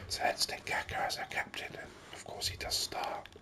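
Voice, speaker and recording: A man muses aloud in a breathy, unhurried whisper close to the microphone, giving ASMR commentary over a video game.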